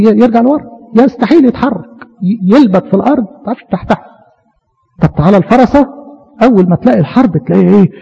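A man with an Egyptian Arabic accent preaching a fervent sermon, asking his listeners questions and slowing down to quote scripture. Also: high voice, gravelly, mellow, husky, big-room sound, lo-fi sound.

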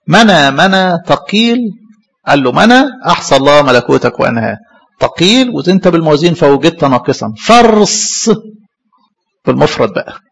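A man's voice: fairly high pitch, creaky, breathy edge. A man preaching a Bible-study sermon in an Egyptian accent, asking questions for his listeners to finish. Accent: Egyptian Arabic.

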